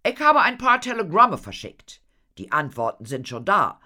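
A woman voicing a pompous, excitable male theatre impresario who talks grandly and gushes in a storybook reading. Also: fairly low pitch, normal speed, voice pushed up, exaggerated voice. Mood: gushing.

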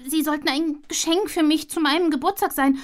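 Woman doing a squeaky, fretful little squirrel girl. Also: natural voice. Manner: high, squeaky and wailing, drawn-out sighs. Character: scatterbrained fretful female squirrel.

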